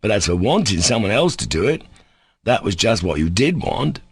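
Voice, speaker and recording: A man's voice: lowish voice, sing-song, normal speed, slightly rough, no echo, exaggerated voice. A man reading an audiobook, voicing a sickly, resentful male servant who talks coolly and sarcastically. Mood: insolent. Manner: cool, defiant, sarcastic.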